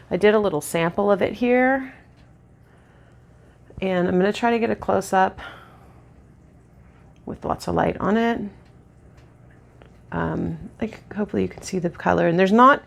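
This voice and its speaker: A woman walks through a lash tutorial in a relaxed, chatty way, full of ums and little restarts. Her voice has a gravelly, creaky edge at a middling pitch. She sounds close to a camera mic while she works. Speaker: lash artist instructor. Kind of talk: casual tutorial demonstration.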